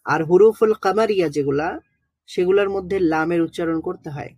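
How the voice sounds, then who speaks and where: A husky, slightly breathy teacher gives an online lesson in a dry, close recording. The teacher talks patiently and stops often to sound out letters and syllables slowly. Frequent drawn-out hesitations run through the explanation. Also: mid-range voice, a little mellow, no room sound. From Bangladesh. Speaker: Quran recitation teacher.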